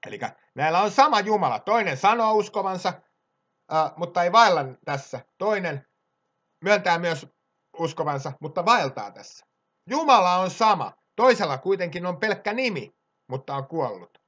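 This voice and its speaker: A man delivering a sermon in an impassioned way. His somewhat high voice rises and falls widely, moving from loud exhortation down to quiet asides. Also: animated, muffled recording. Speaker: preacher.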